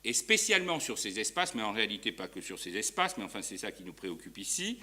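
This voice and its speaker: Bright-voiced French law professor lecturing. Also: male voice, fairly low pitch, very animated, quick pace. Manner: hesitant, many fillers and restarts. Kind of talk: academic conference talk. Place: university lecture hall.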